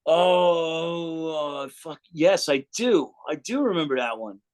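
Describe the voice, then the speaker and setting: A man's smooth, somewhat high voice moves at a slow pace as he tells relaxed stories as an interview guest. He has a New Jersey accent, swears heavily, and acts out what others said.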